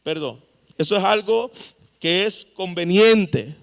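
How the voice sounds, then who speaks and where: A man's voice: high voice, lively intonation, slow, vocal fry, fairly bright tone. A man preaching a sermon as pastor, with sudden emphatic rises and questions to the congregation. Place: church sanctuary. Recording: long reverb of a church hall.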